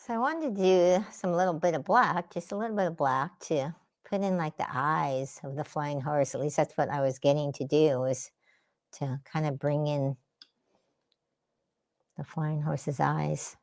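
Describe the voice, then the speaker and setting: This Bay Area woman hosts a livestream as a spiritual artist, painting in a home studio lit by daylight lamps and meandering between brushwork and viewer comments in easy conversation. She speaks low and a little slow, with a slightly mellow quality.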